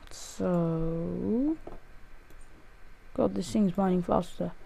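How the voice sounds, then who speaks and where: Speaking very slowly in a high-pitched, husky voice with a warm tone and vocal fry, a male gaming host offers rambling, casual commentary. He counts aloud during play and cracks jokes about himself.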